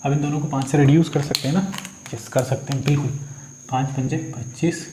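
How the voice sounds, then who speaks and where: A man's voice: medium pitch, fairly even intonation, a little fast. Male teacher coaxing students through sums. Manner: coaxing, asks and answers his own questions, calls students beta. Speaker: physics teacher. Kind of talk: working numericals step by step. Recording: echoey room, faint insect noise.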